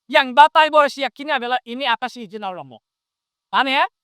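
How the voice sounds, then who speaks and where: A man's voice: very high-pitched, quick pace, clear, resonant tone, no echo, studio quality. A man preaching an interactive sermon, asking his listeners question after question as he explains. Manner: animated, quizzes the audience with questions.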